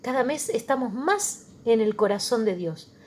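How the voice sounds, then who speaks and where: A woman's voice: on the high side, expressive, moderate pace, a little hiss or hum. A woman with an Argentine accent giving a religion lesson to children, patient and plain, checking in often with her listeners. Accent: Argentine Spanish. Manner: patient, checks in with "¿eh?" and simple examples. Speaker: religion teacher. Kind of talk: slow catechism lesson for children.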